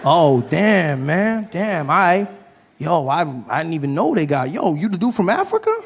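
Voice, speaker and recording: A man voicing a brash, excitable male comedian who stammers and then gushes in slangy speech, with long reverb from a big venue. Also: mid-range voice, a little slow, close to an everyday voice. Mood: excited.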